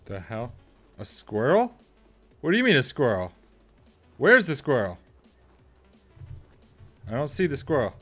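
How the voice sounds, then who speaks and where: A man giving casual gameplay commentary, excitable, swearing and yelping at enemies. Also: mid-range voice, measured pace, long pauses, faint music behind. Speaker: gameplay streamer.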